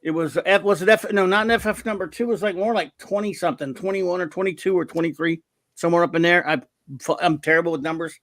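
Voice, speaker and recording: A male show host with a high-sitting, slightly bright voice talks fast during a casual livestream chat held over a video call. He rambles and hesitates, frequently making self-deprecating jokes about his memory, and the audio has no room sound.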